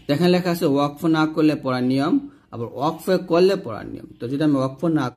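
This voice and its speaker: Man teaching Quran recitation, higher voice. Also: a little mellow. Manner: slow drawn-out chanting of example words; points at the page while explaining. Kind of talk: explaining tajweed rules from a book.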